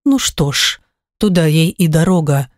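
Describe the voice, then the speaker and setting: A woman voicing a tough, protective husband in an audiobook, speaking low, tender and restrained. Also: a little slow, no room sound, clean studio sound.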